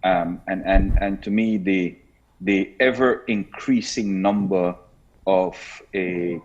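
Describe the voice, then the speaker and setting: A man, a health minister, speaking earnestly in a live interview over a buzzy, glitchy remote call, often pausing with ums and restarts. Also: lowish voice, husky. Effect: buzzy, glitchy remote call audio that cuts out. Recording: muffled, lo-fi remote call line.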